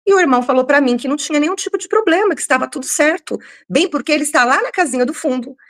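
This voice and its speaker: A Brazilian woman giving an emotional personal testimony, with a firm, rather loud voice and hesitant restarts. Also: high voice, lively intonation, very fast. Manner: hesitant restarts while recounting. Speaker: church member giving testimony.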